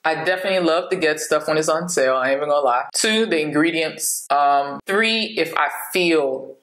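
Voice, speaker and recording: Low-voiced frank woman vlogger, roomy echo. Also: fairly quick, fairly bright tone. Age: 30s. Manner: frank, chatty, laughs often. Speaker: beauty vlogger. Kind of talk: casual chat to camera.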